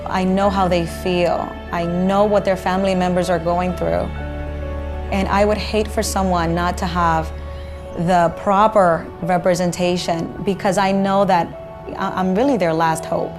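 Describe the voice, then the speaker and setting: A woman from the Dominican Republic, an immigration attorney, speaking earnestly in a measured documentary interview. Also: on the low side, flat delivery, music in the background.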